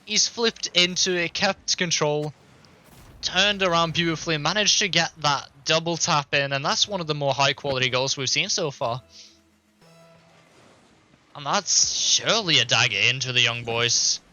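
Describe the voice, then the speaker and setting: Brief: male caster, bright and keen, fast game calls. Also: a little high. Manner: quick, excited play-by-play, laughs easily. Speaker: esports caster. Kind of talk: play-by-play commentary.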